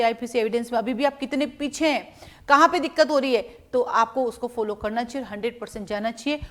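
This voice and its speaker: A woman with a high voice teaches an exam strategy lesson. She is a middle-aged coach from India. She advises her students directly and warmly, like a parent.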